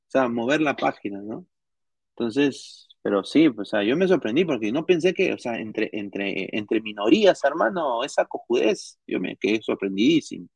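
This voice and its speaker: A man's voice: medium pitch, dry recording. A man in his thirties with a Peruvian accent, chatting casually on a podcast stream, rambling with many restarts and slang. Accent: Peruvian Spanish. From Peru. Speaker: podcast host. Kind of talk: casual live-stream chat.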